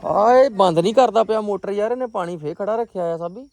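A man's voice: sits high, fairly quick, a little mellow. A man chatting informally as a vlogger to viewers and a companion outdoors. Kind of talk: casual village vlog chat.

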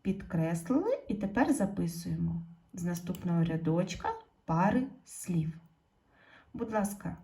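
Woman, teacher, video lesson for children, slow and patient, gravelly tone. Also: lowish voice, warm tone. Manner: slow, patient, addressing pupils directly. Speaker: primary school teacher.

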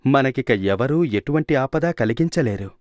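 A man voicing a brave young cowherd hero in a cartoon, calling to his friends with calm authority. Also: mid-range voice, unhurried, no room sound, studio quality, lightly acted. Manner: commanding, reassuring calls to friends.

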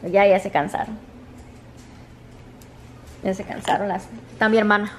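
A woman's voice: medium pitch, fairly even intonation, a little slow, slight background noise, rough recording. A Mexican woman chatting casually in a vlog, talking to her dogs in squealy baby talk, filmed on a handheld phone in a car and a sunny yard. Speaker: vlogger.

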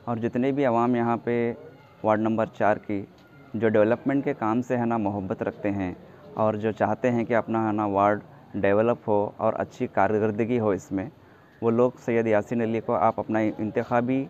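A man's voice: lowish voice, darkish tone, a little hiss or hum. A man from the ward endorsing a local candidate and urging people to vote. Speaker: supporter of the candidate. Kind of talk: endorsement appeal. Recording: dull lo-fi recording.

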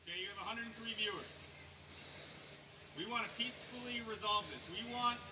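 Cop guy keeping calm and firm, quick talker, noisy outdoors behind him. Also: high-pitched. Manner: patient, firm, tries to calm things. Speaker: police officer. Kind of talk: negotiation, reading a warrant.

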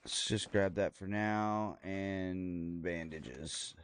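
A man streaming a shooter game live, thinking aloud as he loots, excitable, with his voice jumping up high at times. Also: drawn-out words, noisy background. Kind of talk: live gameplay commentary.

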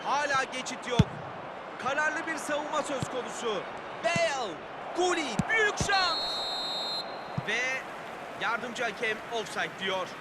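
A man giving excited play-by-play football commentary in for a video game, raising his voice as he calls players and goals. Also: extremely high pitch, a little slow. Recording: loud noise behind the voice.

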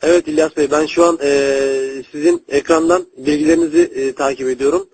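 A man's voice: on the high side, fairly even intonation, brisk, darkish tone, a little hiss or hum. A man working as a customer service agent over a landline phone, speaking formally and politely but hesitantly, often repeating his words. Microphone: telephone line. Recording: husky-sounding landline phone call recording.

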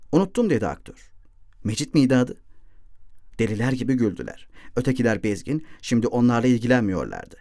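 A man's voice: medium pitch, darkish tone, no room sound, clean studio sound. A man reading a literary novel aloud as an audiobook narrator, giving the dialogue lines lightly shifted voices.

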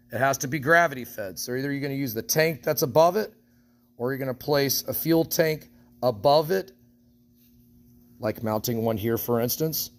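Man giving a hands-on equipment walkthrough. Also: on the high side. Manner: practical, explains step by step while handling parts. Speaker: equipment shop instructor.

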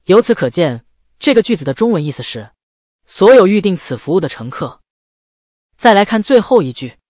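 Lively-pitched lesson presenter, dry recording. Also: fairly quick, dry recording. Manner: explanatory, methodical. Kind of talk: scripted instructional narration.

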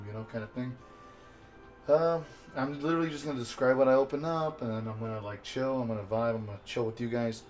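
A young American man with a raspy voice, chatting casually to camera in a rambling, jokey, laid-back way as he hosts an unboxing vlog. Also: mid-range voice, a little mellow. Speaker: host of a card unboxing vlog. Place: small bedroom, indoors.

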